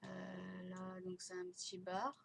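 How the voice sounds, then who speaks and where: Slowly and in a creaky monotone, this woman with a lowish voice rambles hesitantly through a casual tour of a game for her gaming channel. Dental elastics keep her mouth nearly closed and slur her S sounds, and the noisy home recording includes clicking.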